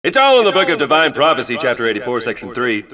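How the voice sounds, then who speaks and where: An actor playing a cocky, bombastic fire god in a video game, grandiose and showy, over busy battle noise. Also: male voice, medium pitch, very animated, fast, a crowd in the background, lightly acted. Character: bombastic, cocky male fire god, self-styled hero.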